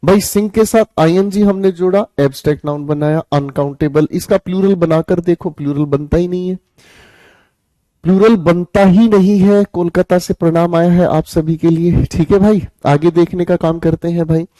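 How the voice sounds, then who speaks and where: Male teacher, slightly high voice, jokey and coaxing, live class. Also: fairly even intonation, normal speed, mellow, no echo. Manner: coaxing, repeats questions and answers them himself; jokey, scolds students playfully. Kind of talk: live online grammar class.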